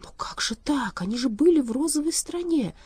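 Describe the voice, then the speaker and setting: A woman's voice: high-pitched, expressive, brisk, darkish tone, no room sound, pitched above the performer's own voice. A woman reading a storybook aloud, voicing a stubborn, agitated male straw scarecrow held captive. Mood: bewildered.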